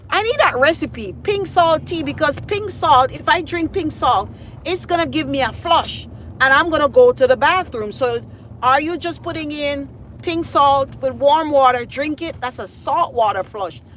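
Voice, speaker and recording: A woman's voice: high-pitched, moderate pace, fairly bright tone, slight background noise. A middle-aged woman from Jamaica, a food blogger hosting a rambling live-stream chat with viewers. She fills her talk with "um"s and laughs often. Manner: chatty and rambling, many fillers, laughs often. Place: outdoors at a scenic lakeside.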